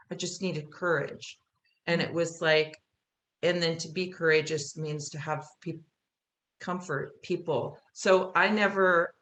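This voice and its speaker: Her voice is low yet fairly bright in tone as this woman, a theatre creator, talks as a podcast guest. She reflects casually and earnestly, returning to phrases to stress them, over a roomy echo with faint hiss.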